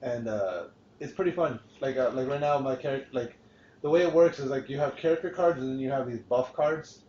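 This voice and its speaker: A man's voice: mid-range voice, fairly quick, darkish tone, a little hiss or hum. A man hosting a casual podcast chat, rambling and swearing freely with frequent restarts. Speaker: podcast host. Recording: roomy, dull lo-fi podcast recording.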